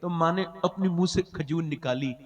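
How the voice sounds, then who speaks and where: Male preacher, high voice, dramatic storytelling sermon, echoing PA reverb. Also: moderate pace. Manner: dramatic, swinging from loud cries to hushed lines, half-sung phrases.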